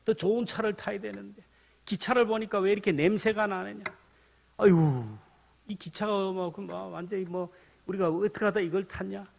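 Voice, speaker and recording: A man's voice: high-pitched, fairly even intonation, moderate pace, vocal fry, a little hiss or hum. A man playing a nagging wife who grumbles nonstop. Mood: grumbling. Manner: nagging, sighing complaints. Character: grumbling middle-aged wife on a train. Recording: dull lo-fi sound.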